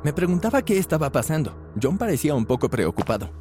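Over music, a man quickly narrates a scripted first-person story with animated energy, moving his pitch up or down as he voices the characters.

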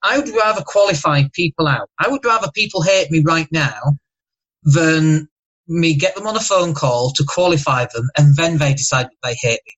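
A man's voice: fairly high pitch, fairly bright tone, low-quality recording. A man with a Northern English accent and a slight lisp, talking emphatically and motivationally as a podcast guest. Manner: emphatic, motivational, rapid asides. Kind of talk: casual podcast chat.

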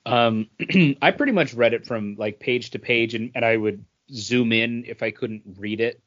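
A podcast co-host talks through a review casually and conversationally, often halting to find his words. His mid-pitched, slightly bright voice comes through a somewhat muffled, lo-fi recording.

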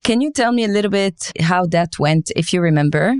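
A woman hosting a podcast, asking gentle, curious interview questions. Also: lowish voice, animated, brisk, smooth, no room sound, studio quality. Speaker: podcast host.

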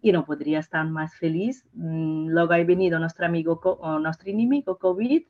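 A native Portuguese woman born in Mozambique, who directs PR and social media for a hotel, gives conversational answers as a podcast guest. With a Portuguese accent, she speaks fairly quickly in a deep voice, effusive and searching for words. The sound is phone quality.

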